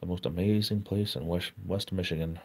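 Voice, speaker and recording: Speaking in a deep voice at a brisk pace, a weary middle-aged man runs a laid-back live stream, reading chat messages aloud, chatting easily and quick to be amazed.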